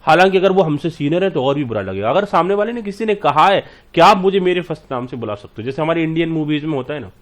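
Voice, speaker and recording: A man's voice: a little high, animated, fast talker, few pauses. A man teaching a class and explaining patiently with everyday examples. He speaks to his students fondly and keeps checking that they follow. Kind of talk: classroom lecture.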